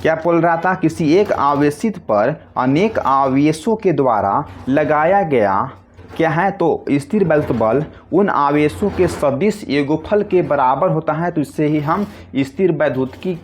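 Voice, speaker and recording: A man's voice: a little high, animated, a little slow, slight background noise. A man teaching a physics lesson, asking questions and answering them himself in a repetitive, coaxing way. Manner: calls students "babu" affectionately. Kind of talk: classroom lecture explaining a derivation.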